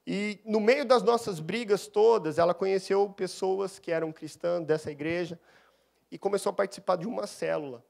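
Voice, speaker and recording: A man preaches in church, his voice sitting a little high for a man. He tells his testimony with lively storytelling and takes on the voices of the people in it. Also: moderate pace, gravelly. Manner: animated storyteller, acts out dialogue. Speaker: deacon preaching a sermon. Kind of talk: sermon with personal testimony.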